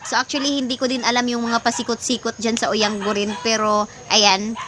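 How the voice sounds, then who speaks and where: Filipino lady vlogging, kinda high voice, lots of "ayan guys", noisy background. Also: flat delivery, a little fast. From Philippines. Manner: chatty, mixes English into Tagalog, many fillers, laughs often. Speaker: plant vlogger. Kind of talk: casual vlog chat.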